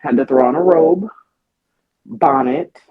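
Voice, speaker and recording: A woman co-hosting a podcast in casual chat, telling stories in an animated way with a husky voice. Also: very deep voice, a little slow, narrow, tinny audio. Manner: animated storyteller. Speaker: podcast co-host.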